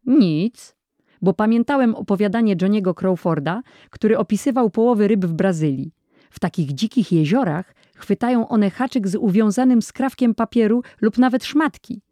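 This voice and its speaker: A narrator voicing a proud, excited young boy telling how he caught fish, in an audiobook. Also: medium pitch, moderate pace, dry recording, clean studio sound, voice pushed up, close to an everyday voice. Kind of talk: audiobook character voice.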